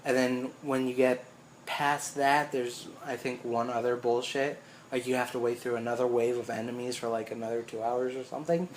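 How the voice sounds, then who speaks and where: A man's voice: mid-range voice, level tone, moderate pace, a little hiss or hum. A young man co-hosting a casual chat about games, rambling, swearing freely and laughing often. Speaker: co-host.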